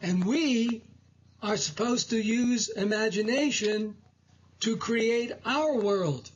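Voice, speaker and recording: A man hosts a spiritual talk show in a measured, preaching manner. His voice sits high and sounds husky. He speaks slowly, and the recording sounds dull and lo-fi. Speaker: host. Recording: dull lo-fi audio.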